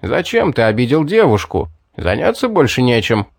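A man doing a weary, gruff town judge. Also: mid-range voice, sing-song, normal speed, no room sound, clean studio sound. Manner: gruff, sighing and matter-of-fact. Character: weary, blunt middle-aged town judge.

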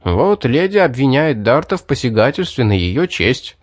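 A simple town guard from a fantasy audiobook, deferential, plain-spoken and a little hesitant, as a man voices him at his own mid pitch. The read is dry and close, with no room sound. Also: big pitch swings, moderate pace, no echo.

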